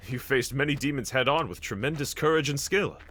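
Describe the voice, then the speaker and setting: Man acting bright, earnest demon slayer Rengoku. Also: mid-range voice, animated, a little fast, slight background noise, lightly acted. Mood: intrigued, attentive. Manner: formal, courteous, earnest diction. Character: bold, earnest male demon slayer swordsman, hearty and reassuring. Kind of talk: anime audio roleplay acting.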